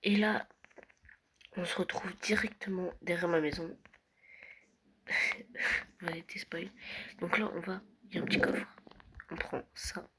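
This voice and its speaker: A young vlogger touring a Minecraft world late at night, often whispering and speaking softly. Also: mid-range voice. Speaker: gaming vlogger. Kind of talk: casual Minecraft world tour. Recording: loud background noise.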